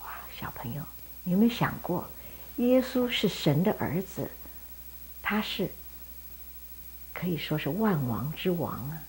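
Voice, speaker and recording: A woman teaching Sunday school, telling a Bible story in a lively way and talking directly to the children. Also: on the low side, unhurried, long pauses.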